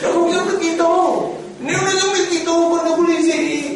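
A man voicing a young newlywed wife who pleads in a high, whiny voice. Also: fairly even intonation, a little fast, crowd noise. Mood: indignant pleading. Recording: echoey church from far off.

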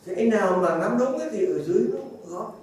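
High-voiced man preaching in an echoey hall. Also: fast. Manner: animated storytelling, chuckles often. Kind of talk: informal sermon with anecdotes. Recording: very echoey room, distant mic, faint noise.

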